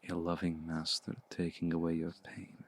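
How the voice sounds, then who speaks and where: A man's low, gravelly, breathy voice, with little pitch movement, brings a commanding, seductive male vampire to life in intimate ASMR roleplay. He coaxes slowly and deliberately in a hush that often becomes a breathy near-whisper, recorded close to the mic with a dry sound.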